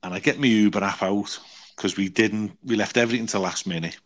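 A man chatting casually, telling an animated travel story and acting out the people in it. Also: fairly low pitch, a little fast. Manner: animated storytelling with quoted voices, swears. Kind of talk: casual chat.

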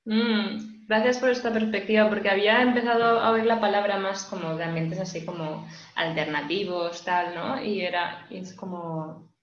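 A woman interviewing a guest, reflective and a little hesitant, with soft fillers. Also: mid-range voice, fairly even intonation, normal speed, few pauses. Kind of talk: interview conversation. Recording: roomy, dull, faint noise.

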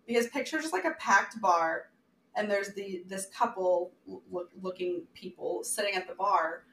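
A woman co-hosting a podcast, telling an animated story in casual chat and acting out quotes. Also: medium pitch, moderate pace, echoey room, recorded from a distance, a little hiss or hum, low-quality recording. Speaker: podcast co-host.

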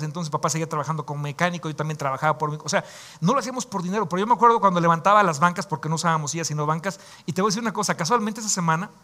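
A man's voice: on the high side, pushed and bright. A man in his forties, a pastor, telling his own story in a sermon in an emotional, confiding way. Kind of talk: sermon testimony.

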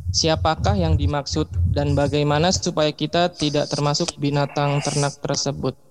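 A man's voice: a little high, little pitch movement, moderate pace, in a large hall, slight background noise. A man politely moderating an online religious Q&A and reading out questions. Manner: polite, formal.

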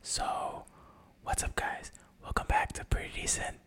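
A man hosting a podcast in a hushed whisper, keeping quiet at night with casual talk. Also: a little slow. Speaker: podcast host.

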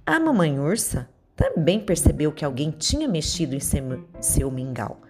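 A woman reading a children's fairy tale aloud in an expressive storytelling way. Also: low voice, a little slow, soft background music.

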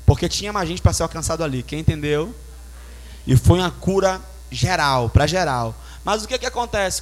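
High-voiced pastor preaching. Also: male voice. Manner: emphatic, storytelling with sound effects. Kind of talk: sermon.

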